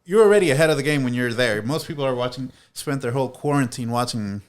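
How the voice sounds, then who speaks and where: A man's voice: mid-range voice, fast talker. Reflective, blunt male podcast guest. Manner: reflective, blunt, swears casually. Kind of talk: casual chat.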